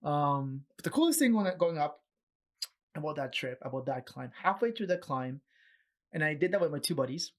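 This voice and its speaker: A young man from Peru, a podcast guest, casually telling a story and acting out the voices of people he quotes. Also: normal speed. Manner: animated, acts out quoted voices with raised pitch.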